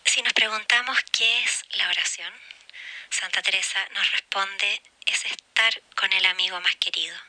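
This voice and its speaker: A woman giving an earnest spiritual reflection, often dropping into gentle whispered phrases. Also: on the low side, no echo, rough recording.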